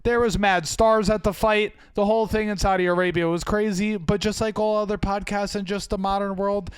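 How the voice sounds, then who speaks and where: A man's voice: sits high, little pitch movement, brisk, smooth, dry recording. A man co-hosting a casual podcast, joking and cursing freely with his co-host. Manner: joking, profane, self-deprecating. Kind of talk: casual chat. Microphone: close podcast mic.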